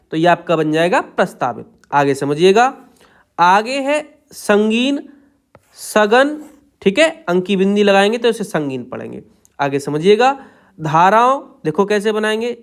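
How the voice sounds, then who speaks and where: A man teaching shorthand, dictating words slowly and repeating set phrases as he writes each one out. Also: high-pitched, clear, resonant tone. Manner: slow, drawn-out dictation of words. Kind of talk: step-by-step tutorial.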